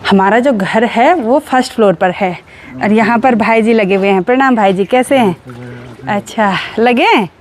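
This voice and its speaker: Cheerful and talkative, this woman in her thirties laughs often while vlogging from her car and walking through a house. She speaks at normal speed in a higher-than-average voice, and a faint hiss or hum is audible.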